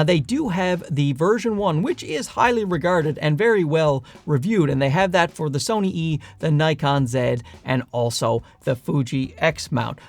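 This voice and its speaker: A man's voice: a little high, no room sound. A man with a light, leprechaun-like voice gives a chatty, enthusiastic product review with dry, self-deprecating asides. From Newfoundland, Canada. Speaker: camera gear reviewer. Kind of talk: casual product review to camera.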